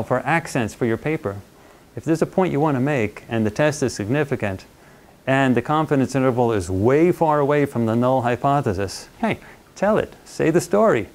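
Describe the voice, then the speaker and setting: A man lecturing a university class at a middle pitch, in a loose, conversational way. He keeps checking in with his listeners and playfully slips into little quoted voices to make a point. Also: expressive, moderate pace, darkish tone. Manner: conversational, checks in with students often.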